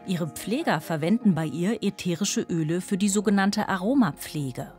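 Woman, scripted report narration, low voice, faint music behind, factual. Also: normal speed. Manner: even, factual.

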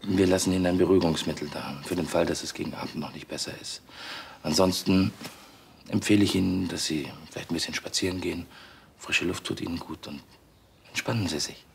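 A reassuring male doctor in a television medical drama. His low, gravelly voice is soothing and firm as he explains things, over faint background noise. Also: fairly even intonation, brisk. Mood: calm, reassuring.

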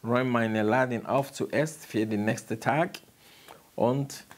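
Slow-spoken Nigerian-accented man. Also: mid-range voice. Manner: halting, searching for German words. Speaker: interviewee, barber and painter. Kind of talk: interview answers.

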